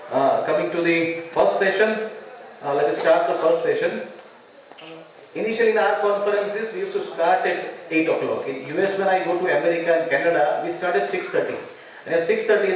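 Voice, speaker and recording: A man with an Indian English accent, a surgeon giving a chatty, anecdotal talk to physicians at a medical conference. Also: on the high side. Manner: chatty, anecdotal, with frequent "you know" and "uh". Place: large conference hall. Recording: very echoey hall, voice from far off.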